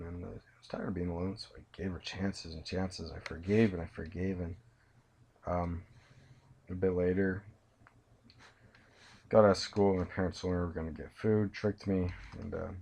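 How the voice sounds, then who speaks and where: Young man, tired, husky and gravelly, hesitant delivery full of restarts. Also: deep voice, darkish tone. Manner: halting and hesitant, many pauses and restarts. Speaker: vlogger telling his life story. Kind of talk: personal storytelling. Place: in bed at home.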